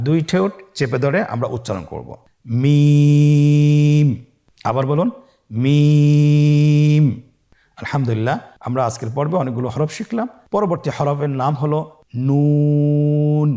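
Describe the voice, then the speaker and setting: A man teaching Quran letter pronunciation step by step, slowly drawing out each letter for the listener to repeat. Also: medium pitch, a little mellow. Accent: Bangladeshi Bengali. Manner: slow, drawn-out model pronunciations for the listener to repeat.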